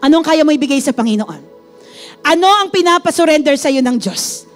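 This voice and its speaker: A Filipino woman pastor with a high voice tells a personal testimony from the pulpit. She moves between Tagalog and English and acts out the people she quotes in lively storytelling. Soft music plays faintly behind her. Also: brisk.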